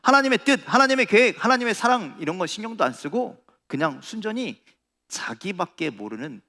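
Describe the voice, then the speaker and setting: A middle-aged man preaching a sermon as pastor, animated, acting out quoted prayers in a raised voice. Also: high-pitched, fairly quick. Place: large church sanctuary. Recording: reverberant church hall.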